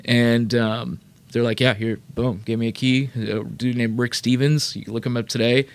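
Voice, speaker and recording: A man from California, a rapper and producer, telling his career story as a podcast guest in a loose, animated way full of fillers and swearing. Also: medium pitch, moderate pace, clean tone. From Sacramento, California. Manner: animated, profane, lots of fillers. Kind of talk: casual storytelling.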